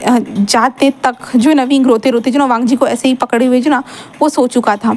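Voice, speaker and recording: A woman's voice: a little high, a little mellow. Chatty woman narrating a story. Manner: chatty, many fillers. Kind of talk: casual fan-fiction narration.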